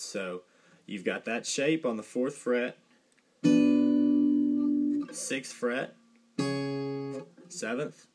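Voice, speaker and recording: A young man giving a casual guitar lesson, relaxed and rambling, with fillers and a dry joke now and then. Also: fairly low pitch. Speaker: guitar teacher. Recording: guitar playing behind the voice.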